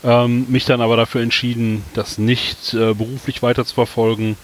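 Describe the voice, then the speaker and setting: A man explaining things casually and haltingly as a podcast guest. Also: mid-range voice, level tone. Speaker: podcast guest, trained educator. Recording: faint hiss behind the voice.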